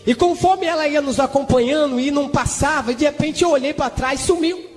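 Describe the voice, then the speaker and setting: A man preaching a testimony in church, telling his story fervently, with sudden shouted exclamations and bursts of tongues between sentences. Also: extremely high pitch, brisk. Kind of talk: sermon testimony. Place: church hall. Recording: echoey church hall with music behind.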